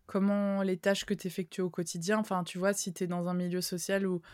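A woman with a Vendée accent hosts a podcast in loose, chatty talk, her voice tired and slightly strained. Her pitch sits rather low and the sound is dry and close. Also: a little fast, no room sound. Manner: chatty, lively, laughs often. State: tired voice, throat worn. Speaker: podcast host. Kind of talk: casual podcast chat.

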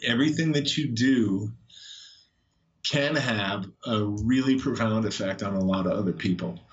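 A man's voice: on the low side, normal speed, lo-fi sound. A middle-aged man with a Texan accent, telling stories in a blunt, sarcastic, laid-back way as a guest in a casual chat. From Texas.

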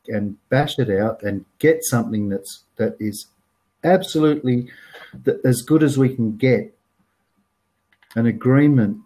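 A mellow, mid-range male voice belongs to a man in his sixties with an Australian accent. He's an interview guest chatting frankly and casually, often repeating words as he thinks.

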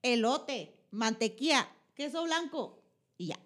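High-voiced Sonoran woman, laughing banter. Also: takes it slowly. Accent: northern Mexican (Sonora). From Sonora, Mexico. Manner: laughing, animated storytelling, swears freely. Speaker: podcast co-host. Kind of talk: casual chat.

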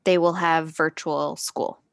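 A woman's voice: deep voice, little pitch movement, slow, creaky, dry recording. Chatty woman, dry close sound. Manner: chatty, laughs often, acts out her own thoughts. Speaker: podcast co-host. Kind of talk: casual chat.

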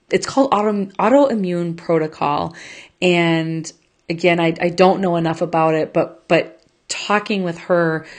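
Chatty rambling woman with a lowish voice. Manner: rambling, self-correcting, conversational. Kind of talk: casual reflective monologue.

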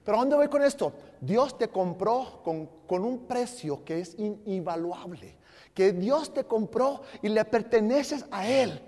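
A man with a Mexican accent preaching a sermon as pastor, fervent, swinging from soft asides to shouted emphasis and joking with the congregation. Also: high-pitched, animated, takes it slowly. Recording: long hall reverb.

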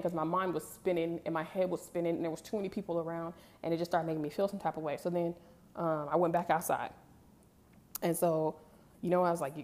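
Chatty woman in her thirties, low voice. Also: darkish tone. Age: 30s. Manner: rambling, restarts often, sighs and laughs. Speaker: vlogger. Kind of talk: casual storytime.

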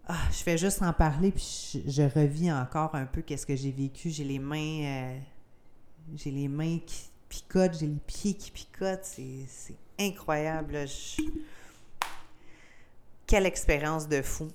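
A woman's voice: deep voice, unhurried, darkish tone, smooth. A young woman from Gaspésie with a Québécois accent, hosting a podcast and telling a personal story in a candid, emotional way, with English words mixed into her French. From Gaspésie, Quebec, Canada. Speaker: podcast host.

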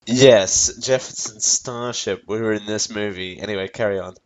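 A man's voice: on the low side, moderate pace, dull audio. A man hosting a casual film review, rambling and correcting himself as he talks to his audience. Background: faint background music.

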